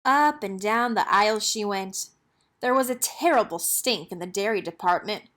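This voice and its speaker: With a mid-range voice at normal speed, this woman brings a children's picture book to life as an expressive storyteller.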